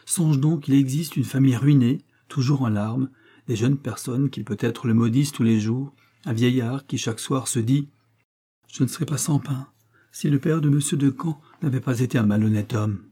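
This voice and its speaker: A man reads aloud a tender, moralizing letter from an earnest young wife. His voice is dark, mellow and slightly husky, mid-pitched and natural, keeping a steady, solemn tone at a moderate pace.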